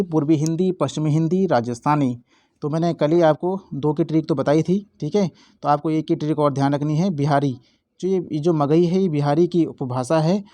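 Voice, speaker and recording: A man's voice: a little high, warm tone, dry recording. A young man teaching as an exam-prep tutor, walking through quiz answers and checking in often. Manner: repetitive, checks in often with "theek hai".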